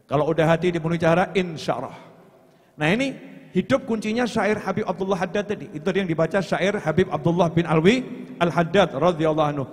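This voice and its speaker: A man preaches a sermon, chanting lines of devotional poetry in between. He swings from loud cries down to hushed, low asides. His voice rings out with a long echo through a large hall. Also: fast talker, husky.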